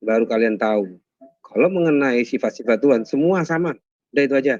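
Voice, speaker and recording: Measured man explaining, muffled sound. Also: mid-range voice, lively intonation, a little mellow, dry recording. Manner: measured and explanatory, slowing down for key points. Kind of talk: calm address to viewers.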